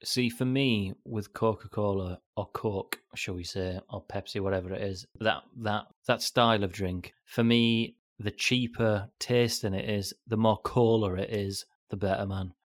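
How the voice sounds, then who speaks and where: A man's voice: fairly low pitch, steady tone, a little slow, few pauses, no echo, studio quality. A man hosting a podcast, chatting in a laid-back way and swearing casually. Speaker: podcast host. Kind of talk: casual chat.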